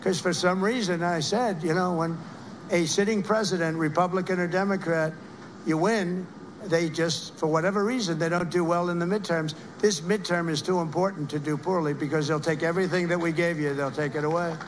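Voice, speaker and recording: A man's voice: fairly high pitch, fairly even intonation, brisk, a little hiss or hum. A man giving a rambling rally speech, heaping repeated praise on people in the crowd. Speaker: political speaker at a rally.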